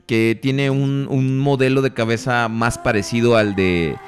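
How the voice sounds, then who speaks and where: A man's voice: mid-range voice, steady tone, unhurried, faint music behind. A man with a Mexican accent co-hosting a podcast, asking questions and steering a casual chat. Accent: Mexican Spanish. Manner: asks questions, steers the talk. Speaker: podcast co-host.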